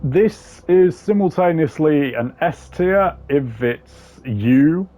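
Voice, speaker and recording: Ranking game voice lines, this gaming creator offers blunt, slang-filled, opinionated commentary in a casual way. He has a fairly high pitch yet a dark tone, speaks slowly with lively intonation, and the sound is lo-fi.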